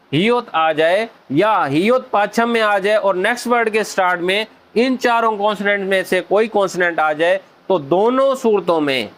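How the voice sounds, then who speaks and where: A man teaching a language lesson at a whiteboard, explaining each rule step by step and slowly repeating the syllables. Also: high-pitched, a bit bright. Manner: often addresses viewers as friends.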